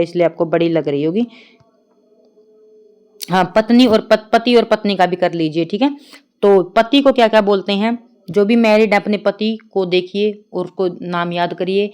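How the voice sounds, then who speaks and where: A young adult woman teaching an online exam-prep grammar class, chatty, listing words in quick runs and checking in with her students often. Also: medium pitch, darkish tone, smooth. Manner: chatty, repeats "ठीक है" often. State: tired.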